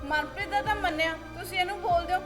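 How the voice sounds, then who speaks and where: A kind daughter-in-law who gently pleads and apologizes to calm a family fight, played by a woman. Her voice sits very high. Loud music plays under her in this short drama. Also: fast talker. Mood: pleading.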